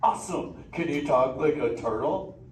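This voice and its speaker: Voicing a relaxed male sea turtle who surfs, a man drawls slang and ribs the audience during a live interactive theater performance. He sounds natural and a little mellow, pitched slightly high, expressive, and at a normal speed. The audio comes from far off in an echoey theater and is noisy.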